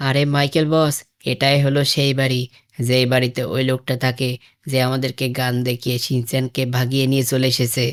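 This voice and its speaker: A cowardly cartoon henchman, as an actor voices him whines to his boss in a flat, level tone. He tattles fast and fearfully. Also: mid-range voice, clean tone, natural voice. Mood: whining.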